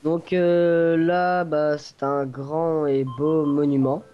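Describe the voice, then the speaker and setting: A man's voice: fairly high pitch, level tone, slow pace. A man giving a casual, hesitant walkthrough tour of a game server, often searching for words. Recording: dull lo-fi home recording.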